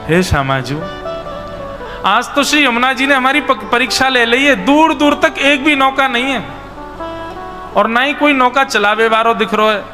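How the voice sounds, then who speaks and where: A man's voice: very high voice, moderate pace. A man voicing anxious young village milkmaids who plead and call out, with a Braj accent. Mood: worried. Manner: pleading, calling out loudly. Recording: reverberant hall with music behind.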